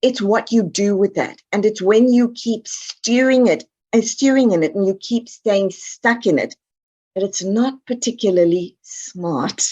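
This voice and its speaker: Podcast guest: South African woman, direct and emphatic, average pitch, muffled audio. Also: unhurried, a little mellow. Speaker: guest expert. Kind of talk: podcast interview.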